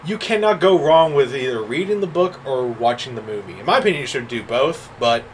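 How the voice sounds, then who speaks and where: A man's voice: medium pitch, lively intonation, brisk, a little hiss or hum, rough recording. A man from the American South co-hosting a film podcast, talking casually in a rambling way full of "like" and restarts. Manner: rambling, filler-heavy, restarts with "like". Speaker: podcast co-host. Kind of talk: casual chat about films.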